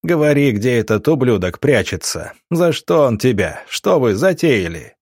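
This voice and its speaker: A man voicing a gruff, hot-tempered police officer who barks threats in an audiobook. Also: medium pitch, very animated, moderate pace, no echo, studio quality, pitched above the performer's own voice. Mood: threatening. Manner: barking, threatening.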